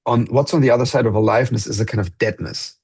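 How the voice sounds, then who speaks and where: Hosting a reflective podcast conversation, this man has a husky, a little mellow voice with a slightly breathy quality, pitched in the ordinary middle range. He comes across as earnest and thoughtful, frequently stopping to search for the right word.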